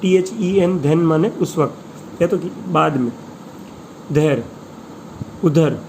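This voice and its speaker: Man, slightly high voice, very slow word-list teacher, faint room noise behind. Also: a little mellow, poor audio. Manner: slow, deliberate, spells words letter by letter. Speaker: English teacher. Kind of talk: slow vocabulary lesson, reading word lists with Hindi meanings.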